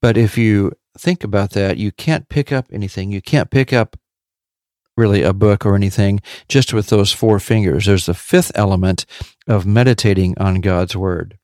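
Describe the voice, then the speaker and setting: A man teaching on a devotional podcast in a measured way, repeating key points for emphasis. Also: on the low side, darkish tone, no room sound, clean studio sound.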